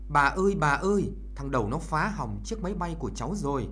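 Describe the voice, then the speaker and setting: Man voicing a whiny spoiled boy, raised pitch, loud, petulant, storybook reading. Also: animated, a little fast. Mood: whining. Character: spoiled chubby boy in fourth grade, whiny.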